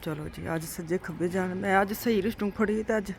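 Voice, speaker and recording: A woman's voice: medium pitch, brisk, gravelly. A woman with a Punjabi accent chatting casually as a vlogger, in an exclaiming, chiding and teasing manner. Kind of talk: casual chat. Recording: noisy car and outdoor ambience. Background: vehicle and street noise.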